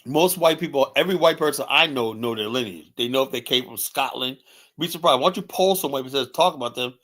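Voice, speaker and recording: Speaking at a medium pitch with a slightly bright tone, a male streamer host rants about politics. His heated commentary is blunt and repetitive, padded with "you know," and he mocks others by quoting them in exaggerated, put-on voices.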